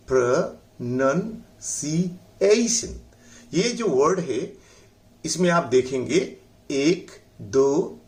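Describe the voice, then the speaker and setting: A middle-aged man with a Bihari accent teaching an English pronunciation lesson, saying words slowly syllable by syllable, repeating them, and often adding "है ना". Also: on the high side. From India. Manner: uses the filler "है ना".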